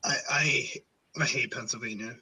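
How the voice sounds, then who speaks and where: A man's voice: mid-range voice, moderate pace, bright, forceful tone, husky, low-quality recording. A man hosting a podcast in casual chat, rambling and swearing a lot. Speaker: podcast host.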